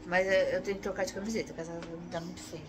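A woman's voice: on the low side, little pitch movement, racing, a crowd in the background. Joking Brazilian woman in a busy room. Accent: Brazilian Portuguese. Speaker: family member. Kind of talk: casual chat.

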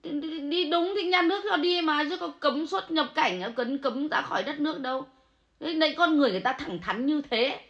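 A woman ranting angrily and scolding, swinging between low muttering and loud outbursts. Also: brisk. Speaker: angry supporter ranting online. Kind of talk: angry livestream rant. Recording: muffled lo-fi audio.

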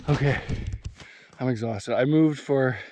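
A young man narrating a casual ice fishing vlog in an informal, excitable way. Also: mid-range voice, unhurried. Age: young adult. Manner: informal, excitable, mild slang exclamations. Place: outdoors on a frozen lake and inside an ice fishing tent. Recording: clear background noise, clicks.

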